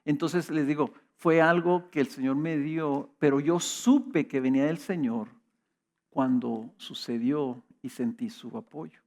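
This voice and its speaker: A middle-aged man preaches, his voice a little high for a man and gravelly. He tells personal anecdotes in a relaxed, conversational way, often checking in with his listeners through quick rhetorical questions. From Mexico. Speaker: pastor. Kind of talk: sermon with personal storytelling.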